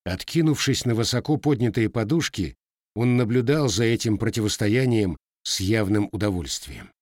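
Low expressive male audiobook narrator. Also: moderate pace, no room sound, studio quality. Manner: expressive storytelling.

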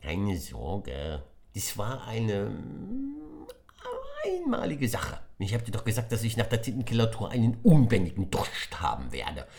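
A man's voice: fairly low pitch, huge pitch swings, measured pace, gravelly, darkish tone, pitched above the performer's own voice, heavily acted. A man voicing a tiny, greedy and chatty male creature in a children's audiobook, with a squealing, gushing delivery.

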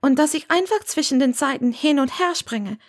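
A woman voicing a bold, defiant young witch, with a high, bright, teasing delivery. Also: lively intonation, normal speed.

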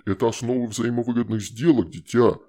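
A man reading an audiobook voices a scheming, coaxing shadow spirit in a slow, husky, wheedling voice. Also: medium pitch, steady tone, warm tone, voice pushed down, close to an everyday voice. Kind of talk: audiobook character voice.

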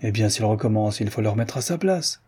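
A man's voice: fairly low pitch, animated, fairly quick, darkish tone, breathy edge. A man reading a jovial, teasing count. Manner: bantering, gossipy storytelling. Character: jovial aristocratic Parisian count, teasing husband.

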